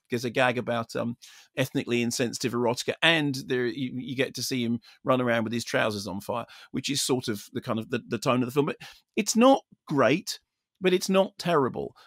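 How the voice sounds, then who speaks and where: A man's voice: medium pitch, fairly bright tone, no echo, studio quality. A British man giving a spoken film review as a critic, discursive and opinionated.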